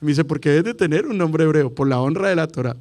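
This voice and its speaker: A middle-aged man gives a sermon to his congregation in a fairly high voice for a man. He tells stories and sometimes sings out the words like a cantor. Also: lively intonation, quick pace, a little mellow. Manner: storytelling preacher who sings out key words. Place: congregation hall.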